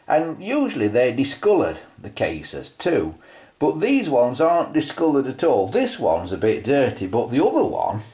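In a medium-pitched, darkish voice, a British man walks through a vintage telephone video as an unscripted, hands-on demonstration. He thinks aloud along the way and asks rhetorical questions.

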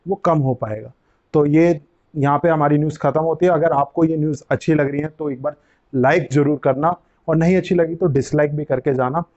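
A man's voice: fairly high pitch, a little mellow, muffled recording. A young man hosting his own channel, explaining things casually to the camera in a living room on a lapel mic, gesturing and repeating phrases as he goes. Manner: gestures with both hands while talking, repeats phrases. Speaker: channel host.

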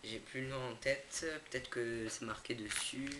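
A man's voice: mid-range voice, fairly even intonation, normal speed. A young man casually unboxing products for his channel, hesitant with many fillers and self-corrections, indoors away from home. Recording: echoey room, noisy background. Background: crinkling packaging and clicks.

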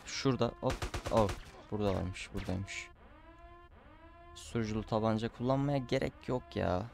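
A man's voice: lowish voice, moderate pace, vocal fry, a little mellow, faint music behind. Chatty man commenting a game. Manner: chatty, frustrated outbursts, calls the audience "abi". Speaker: gameplay commentator. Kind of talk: casual Let's Play commentary.

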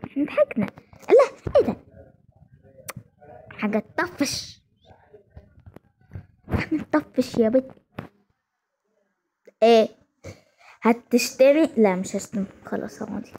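A woman with an Egyptian accent improvising a toy-game role-play, talking in quick, bossy, teasing exchanges. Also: on the high side, animated, vocal fry, warm tone, slight background noise. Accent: Egyptian Arabic.

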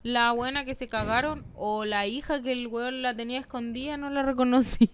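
A woman's voice: on the high side, steady tone, moderate pace, a little hiss or hum. A Chilean woman co-hosting a podcast in casual, jokey chat, often cutting in. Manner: chatty, jokey, interjects often. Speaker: podcast co-host.

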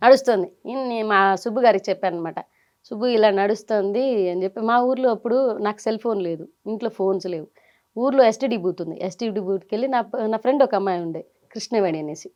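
A middle-aged woman, telling her story as an interview guest in lively bursts and quoting people as she goes. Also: mid-range voice, muffled recording. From Nellore region, India. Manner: animated, quotes people in quick bursts.

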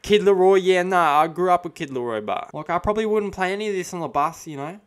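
This high, fast, lightly acted voice belongs to a twenty-something Australian man doing comedic commentary on a chatbot, playing a cocky, combative eshay lout. His talk is casual and cocky, full of eshay slang, with "bah" stuck onto his sentences. He's indoors in a small home room, close to a studio mic on a boom arm.

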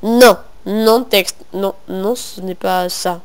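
A man's voice: high voice, steady tone, takes it slowly, slight background noise. A young teenage boy doing casual, joking commentary over a game, rambling and talking to himself and his viewers through a home computer microphone. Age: young teen, in middle school. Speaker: gaming video host. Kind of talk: casual let's-play commentary.

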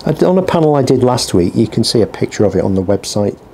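A man's voice: mid-range voice, very animated, fast, mellow, slight background noise. A man talking casually in a workshop vlog, rambling with dry, self-deprecating humour while he works at his bench. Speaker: small business owner blogging his work. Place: workshop with a heater running. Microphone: mic on the bench below him.

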